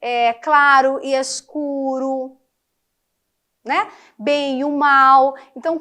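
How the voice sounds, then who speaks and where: Brazilian woman, middle-aged teacher, high voice, emphatic and engaging. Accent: Brazilian Portuguese. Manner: lively, emphatic, checks in with listeners often. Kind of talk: classroom lecture on figures of speech.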